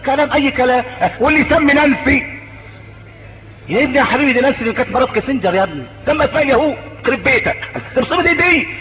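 A man with an Egyptian Arabic accent preaching a sermon, animated and mocking, acting out little dialogues. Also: very high voice, very fast, soft background music. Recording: dull lo-fi tape with background noise.

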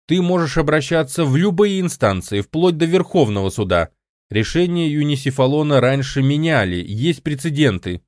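A man reading an audiobook voices an insistent woman colleague, raising his voice high and speaking urgently. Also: big pitch swings, normal speed, darkish tone, dry recording, studio quality. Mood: pleading. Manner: urgent, pleading. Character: earnest young woman colleague, pleading and insistent.

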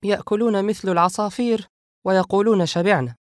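A man's voice: high-pitched, very animated, quick pace, no echo, clean studio sound, pitched above the performer's own voice. A man voicing an older woman, a grandmother who teases her brothers and frets over them in an audiobook. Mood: grumbling. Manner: teasing, then anxious and insistent. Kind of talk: audiobook character voice.

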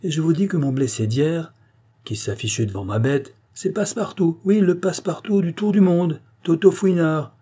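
A man's voice: medium pitch, animated, normal speed, dark tone, breathy edge. A man voicing a brash, boisterous working-class tram driver in an audiobook.

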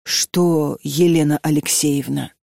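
A woman's voice: deep voice, fairly even intonation, slow, vocal fry, dark tone, dry recording, clean studio sound, heavily acted. Woman voicing a hesitant, bewildered young student. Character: puzzled young female student, sleepy and reluctant.

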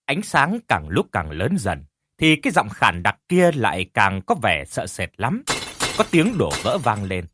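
A man narrating a scripted horror story in a dramatic, expressive way. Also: on the low side, a little slow, no echo. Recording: faint background music.

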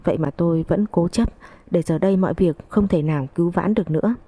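A woman narrating a family drama in the first person, in a steady, remorseful tone. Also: fairly low pitch, fast.

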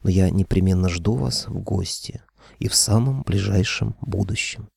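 A man's voice: fairly low pitch, very animated, moderate pace, gravelly, darkish tone, breathy edge, no echo, clean studio sound, full character voice. A man voicing a coy, flirtatious sea queen with a lightly raised, teasing voice.

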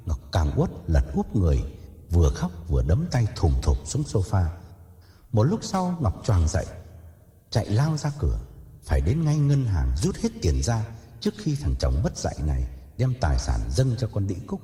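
Dark-voiced male story narrator. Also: on the low side, wildly swooping pitch, normal speed. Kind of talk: dramatic audio story narration. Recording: echoey reverb with faint music.

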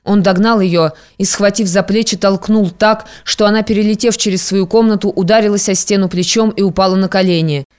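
A reader giving a steady, measured narration of classic literary prose. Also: mid-range voice, clean tone. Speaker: audiobook narrator.

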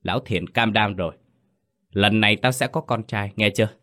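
A man's voice: fairly low pitch, normal speed, fairly bright tone, lightly acted. A man voicing a callous, harsh village mother in a ghost story reading, snapping and scolding. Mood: furious.

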